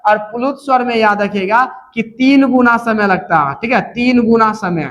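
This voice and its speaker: A man teaching a Hindi grammar lesson, repeating key terms slowly and checking in often with the class. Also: very high-pitched, fairly bright tone, dull audio. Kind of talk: classroom lecture.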